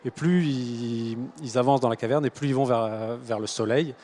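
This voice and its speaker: A man's voice: mid-range voice, moderate pace, mellow, a little hiss or hum. A man, a children's author, explaining his book in a hesitant, thoughtful way with frequent restarts. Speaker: author guest. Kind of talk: casual interview answers.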